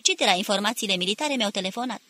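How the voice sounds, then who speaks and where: A woman's voice: medium pitch, expressive, sharp tone. A woman voicing a weary male army captain with a harsh, tired voice, giving curt orders in an audiobook. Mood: brisk. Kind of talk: audiobook character reading.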